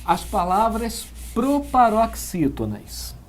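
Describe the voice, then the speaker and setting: Male grammar teacher with a Brazilian accent; unhurried, animated delivery, measured step-by-step explaining. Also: high voice. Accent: Brazilian Portuguese. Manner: measured explaining, frequent tag questions. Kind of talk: exam-prep lecture.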